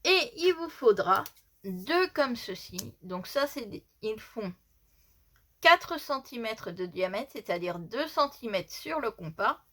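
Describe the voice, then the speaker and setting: A woman's voice: fairly high pitch, sing-song, takes it slowly, sharp tone. A woman with a slight lisp that makes her s sounds slushy, giving an informal step-by-step craft tutorial and repeating her instructions as she explains.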